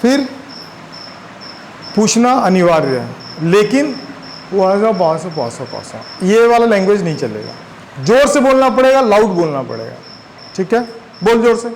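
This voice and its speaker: A man's voice: high-pitched, big pitch swings, measured pace, creaky, pauses often, darkish tone, slight background noise, rough recording. A man teaching a physics class, chatty and constantly quizzing his students. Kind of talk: classroom lecture.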